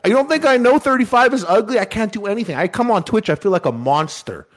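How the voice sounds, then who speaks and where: A man's voice: high-pitched, lively intonation, fast. Joking, rambling man in his thirties. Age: 30s. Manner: joking, rambling, self-mocking. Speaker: guest on a voice call. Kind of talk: casual chat. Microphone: online voice call.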